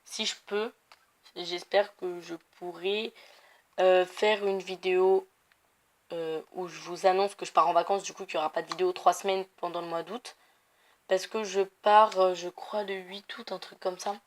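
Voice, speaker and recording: A woman's voice: lowish voice, fairly even intonation, normal speed. A young woman of Portuguese family background chatting casually while playing a video game, rambling with many fillers and self-corrections. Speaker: gaming youtuber. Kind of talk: casual gameplay commentary.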